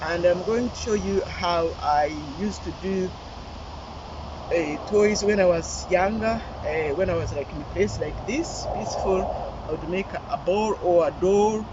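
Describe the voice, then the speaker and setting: A man with a fairly high voice talks outdoors, hesitant and full of ums. The audio is dull and lo-fi, with clear traffic and hum noise around him. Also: measured pace. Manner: hesitant, many fillers. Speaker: guest demonstrator. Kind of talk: casual outdoor demonstration. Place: outdoors in a peace garden.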